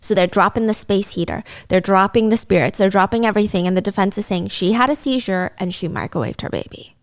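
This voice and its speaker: A woman's voice: medium pitch, quick pace. Chatty woman telling a true-crime story. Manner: lively, acts out quotes in character. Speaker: podcast host.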